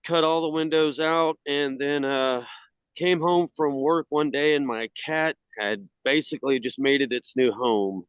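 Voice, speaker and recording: A man on a video call from outdoors in the cold, casually presenting his hobby work in a halting way. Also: on the high side, smooth, dry recording. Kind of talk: casual slideshow talk. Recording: slightly dull video-call audio.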